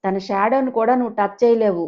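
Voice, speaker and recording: A woman voicing a furious young man who threatens and shouts to protect his mother. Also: a little high, a little fast, muffled recording, pitched above the performer's own voice, close to an everyday voice.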